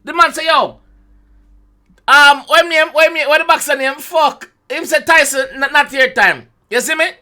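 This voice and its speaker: A young man with a Jamaican accent gives an excitable reaction commentary, full of loud exclamations and swearing. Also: very high-pitched, normal speed. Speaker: music reaction host.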